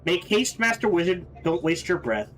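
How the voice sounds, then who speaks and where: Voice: medium pitch, very animated, normal speed, a bit bright, low-quality recording. A game streamer voicing an anxious little fairy guide in urgent, sing-song rhyming chatter. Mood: anxious urgency.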